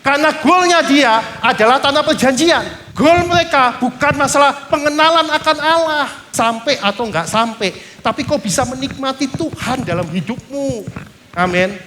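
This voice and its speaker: A man preaching a sermon with a high, bright voice. He is emphatic and punctuates his points with calls of amen. A faint hiss sits under his voice. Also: normal speed. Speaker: pastor.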